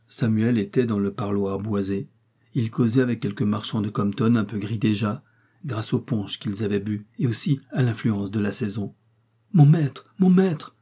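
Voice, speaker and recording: Un narrateur masculin de livre audio, au débit mesuré. Sa voix est plutôt grave, au timbre sombre. Le grain est légèrement voilé. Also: male voice, on the low side, mellow, slightly rough. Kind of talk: audiobook reading of a novel.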